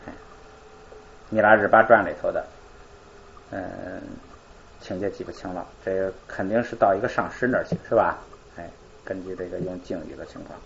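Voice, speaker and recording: A man's voice: sits low, fairly even intonation, normal speed, gravelly, pauses often, a bit bright, muffled recording, slight background noise. A male teacher explaining grammar in a live class, asking questions and answering them himself.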